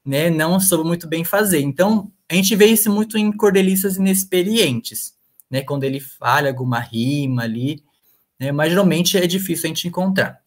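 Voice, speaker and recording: Halting male professor lecturing online. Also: on the high side, animated. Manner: hesitant, full of fillers and restarts. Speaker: literature professor.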